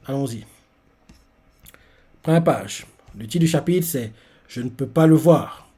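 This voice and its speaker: A man's voice: mid-range voice, warm tone. A man streaming a live manga reading and reaction. He rambles and uses lots of fillers.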